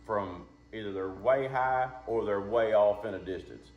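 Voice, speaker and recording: A man's voice: on the low side, a little slow. A man giving a casual, hands-on lesson as a duck calling instructor, talking in a folksy, plain-spoken way. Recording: muffled, roomy, with background noise.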